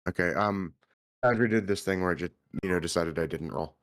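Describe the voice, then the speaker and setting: A man's voice: sits low, fairly quick. A man in casual chat as a player in a tabletop game, rambling through his plans and laughing often.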